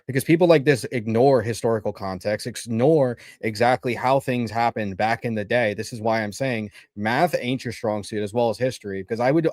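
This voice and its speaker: A man's voice: medium pitch, dry recording, studio quality. A man in his late twenties debating, sarcastic and combative. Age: 20s. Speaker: debate panelist. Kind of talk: heated debate.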